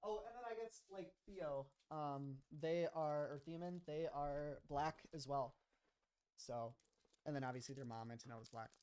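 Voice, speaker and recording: A man's voice: a little high, normal speed, darkish tone, clean tone. A young man streaming live, chatting casually about his own series and rambling with lots of "like" and "kinda". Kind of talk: casual livestream chat.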